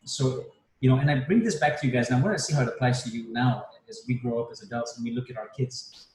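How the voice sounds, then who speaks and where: A man's voice: mid-range voice, quick pace, darkish tone. A man in his fifties from Spain, a panel guest in a casual group video chat, talking reflectively with many restarts and tag questions like "right?". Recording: roomy, distant mic, faint background noise.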